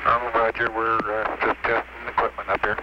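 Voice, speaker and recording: A man's voice: lowish voice, monotone, fairly quick. A man speaking from a spacecraft over a crackly space radio link, terse and clipped, with hesitant fillers in radio procedure. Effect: crackly, hissy space radio link. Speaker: astronaut in spacecraft. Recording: hissy lo-fi 1969 radio downlink.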